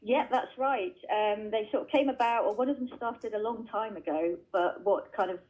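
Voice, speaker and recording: A children's author joins a radio show remotely from home, her medium-pitched voice arriving at normal speed with phone-quality sound over the line into the studio. She talks freely in casual interview answers, with lots of fillers and restarts.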